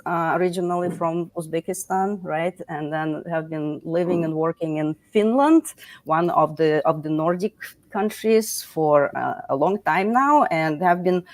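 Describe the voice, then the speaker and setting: Low-voiced woman hosting a livestream. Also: normal speed, darkish tone, no echo. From United States. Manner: chatty, with many fillers and restarts. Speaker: livestream host. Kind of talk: moderating a livestream panel. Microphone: video call.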